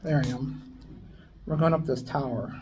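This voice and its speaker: A man with a medium-pitched voice talks at a normal speed, casually narrating a bike tour in a chatty, rambling way. It's on-the-go commentary recorded outdoors along a windy riverside bike route, with loud wind and outdoor noise.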